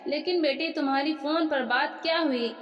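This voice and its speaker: A woman reading the lines of a gentle middle-aged mother who speaks in a calm, soothing way, recorded in an echoey room. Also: sits high, moderate pace, dull audio, natural voice. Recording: echoey room with long reverb.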